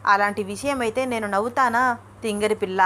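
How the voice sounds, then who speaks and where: A woman's voice: mid-range voice, steady tone, fairly quick, sharp tone, a little hiss or hum, lightly acted. A woman voicing a fond, middle-aged mother-in-law.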